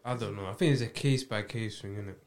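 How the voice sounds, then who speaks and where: A man's voice: lowish voice, fast talker, echoey room. A man, chatting casually in slang and often repeating himself. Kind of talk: casual podcast chat.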